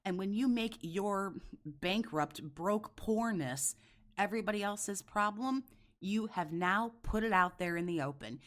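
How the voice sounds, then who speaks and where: A woman's voice: mid-range voice, measured pace, a bit bright. A woman giving reaction commentary in a blunt, scolding, sarcastic and sweary way.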